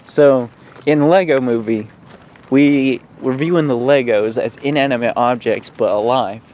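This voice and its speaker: Young man, dry deadpan jokes, casual chat, faint street noise. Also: medium pitch, unhurried, muffled recording. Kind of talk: casual chat while walking. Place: outdoors on a city street at night.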